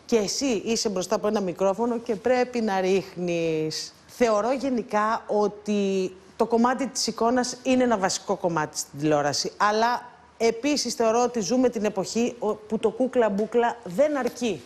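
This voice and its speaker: A woman's voice: medium pitch, a little mellow. A woman mentoring a group of contestants, speaking in a playful, teasing way and calling them pet names. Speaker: guest mentor on a presenter contest show. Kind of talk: casual coaching talk to contestants.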